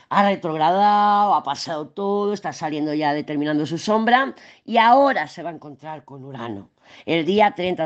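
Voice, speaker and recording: A woman's voice: deep voice, lo-fi sound. A woman with a Spain Spanish accent giving a casual tarot reading, chatty and rambling, swearing freely as she talks. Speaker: tarot and astrology reader.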